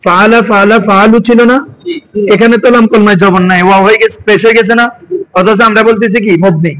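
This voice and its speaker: Teaching a class, a man with a Bangladeshi Bengali accent constantly asks his students questions while he explains. His high, fairly bright voice holds a steady tone at a fast pace, and the recording is rough.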